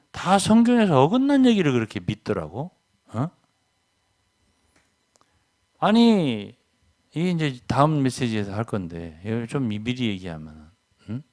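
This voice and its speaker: An older man preaching a sermon as a pastor, emphatic, often checking in with the congregation with a quick question. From South Korea. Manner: emphatic, keeps asking "예?" to the congregation; swings between loud stresses and low asides.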